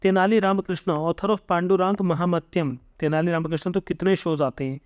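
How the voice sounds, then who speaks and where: A young man teaching an exam-prep history lesson, reading notes slowly, then explaining them quickly and stumbling over hard names. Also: sits high, steady tone, smooth, no echo. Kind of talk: lecture reading notes aloud, explaining in mixed Hindi and English.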